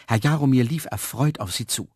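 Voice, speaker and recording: A man reading a children's story aloud with expressive, lively storytelling. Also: medium pitch, a little fast, slightly rough, no room sound, clean studio sound. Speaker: narrator.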